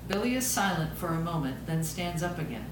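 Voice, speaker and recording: A deep-voiced woman delivers scripted stage narration at an amateur table read, very animated and fairly quick. The audio comes from a far-off mic in a very echoey room, and noise is clearly audible.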